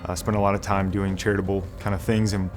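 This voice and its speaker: Earnest man with a flat voice. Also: deep voice, fast. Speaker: primary care clinician, scholarship recipient. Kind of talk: interview. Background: background music.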